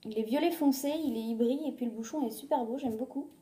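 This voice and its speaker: A woman's voice: fairly high pitch, fast, warm tone, reverberant. A woman showing her shopping finds in a casual haul vlog, chatty and hesitant, with many fillers and restarts, filmed on a phone resting on a glass. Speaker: beauty and shopping vlogger. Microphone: phone on a glass on a table.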